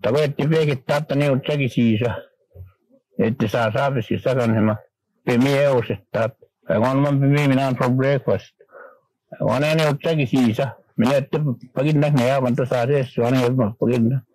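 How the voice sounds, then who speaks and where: An older man from Manitoba, Canada, a guest on a radio interview, recalling old times in a rambling, halting way with many restarts. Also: medium pitch, steady tone, darkish tone, dry recording, low-quality recording.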